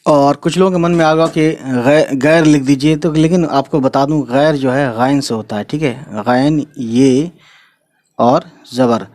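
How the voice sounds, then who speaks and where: A man's voice: a little high, fairly even intonation, unhurried, darkish tone, no room sound. A man patiently teaching Urdu letters step by step in an explanatory lesson, often checking in with the listener.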